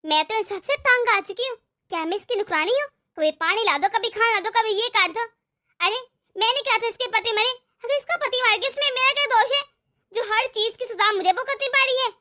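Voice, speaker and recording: Woman voicing a sharp-tongued cartoon bahu, super high squeaky voice, bright and grumbly, sarcastic. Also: a little fast. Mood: bitter grumbling. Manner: bitter, complaining, sarcastic. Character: scheming resentful young wife, sharp-tongued. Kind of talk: animated cartoon voice acting.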